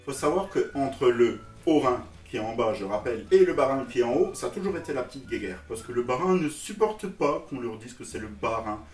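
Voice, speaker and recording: A man's voice: mid-range voice, expressive, fairly quick, few pauses, darkish tone, echoey room, distant mic, faint music behind. A man from Alsace with an Alsatian French accent, giving a jokey, teasing comic monologue straight to his viewers. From Alsace, France. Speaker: vlogger.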